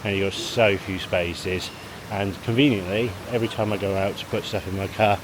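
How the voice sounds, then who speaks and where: On a handheld vlog full of loud background noise, a family vlogger chats casually in a car park outdoors and later at a leisure pool. His voice is on the low side, fairly even in intonation and brisk, and he rambles with chuckles between remarks.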